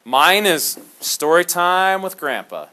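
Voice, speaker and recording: A man teaching a history class in a classroom, talking in an animated, jokey way and slipping into dramatic storytelling. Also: sits high, slow. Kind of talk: classroom lecture.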